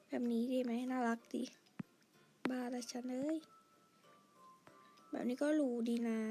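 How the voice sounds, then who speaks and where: A woman chatting quietly through her game, pleading for lucky draws and gushing over outfits. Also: fairly high pitch, vocal fry. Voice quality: quiet, soft-spoken. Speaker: gamer narrating her play. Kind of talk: casual game commentary.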